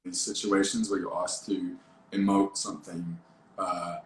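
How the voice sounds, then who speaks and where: A man, an actor, chatting playfully on a phone livestream, halting and rambling with frequent restarts. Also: sits low, flat delivery. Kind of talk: casual livestream chat. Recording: echoey room with faint background noise.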